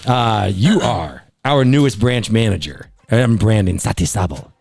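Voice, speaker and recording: Lively, joking male radio host. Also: fairly low pitch, measured pace, vocal fry. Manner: energetic, jokey, laughs often. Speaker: radio show host, mortgage lender. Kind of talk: casual radio talk show banter.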